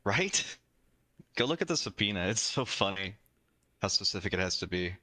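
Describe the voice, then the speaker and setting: A man's voice: lowish voice, big pitch swings, moderate pace, sharp tone. A man playing a defense lawyer, talking bluntly and chattily with some swearing. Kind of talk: in-character roleplay chat.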